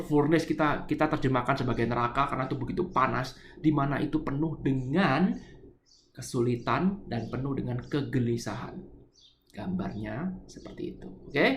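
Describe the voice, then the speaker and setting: A man's voice: medium pitch, creaky, roomy sound, a little hiss or hum. A middle-aged man giving a spiritual lecture, explaining a poem line by line and having listeners repeat words. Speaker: spiritual teacher.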